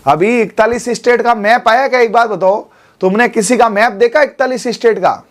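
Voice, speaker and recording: A man's voice: extremely high pitch, moderate pace. A man, teaching an exam coaching class in a studio. He keeps checking in with his students as he goes.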